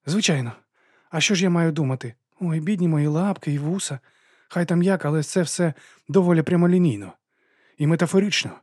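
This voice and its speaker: A man reading an audiobook, voicing a brisk, analytical young woman who thinks aloud in quick questions. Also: fairly high pitch, slightly rough, no room sound, clean studio sound, pitched above the performer's own voice. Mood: wry.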